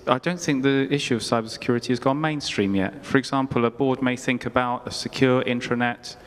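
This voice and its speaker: A man from a company politely asking a panel a question at a conference. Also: mid-range voice. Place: large conference hall. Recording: reverberant hall sound.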